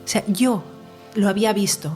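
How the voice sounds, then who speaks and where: A woman's voice: medium pitch, normal speed, darkish tone, faint music behind. A woman recounting her near-death experience in an interview, earnest and emotional, sometimes dropping to a whisper. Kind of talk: personal testimony in an interview.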